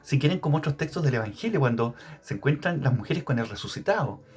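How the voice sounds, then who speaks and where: A man's voice: mid-range voice, soft background music. A man preaching a Gospel reflection. He asks his listeners questions and stretches out the words he wants to stress. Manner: expressive, questioning, drawn-out emphasis. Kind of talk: sermon-style Gospel reflection.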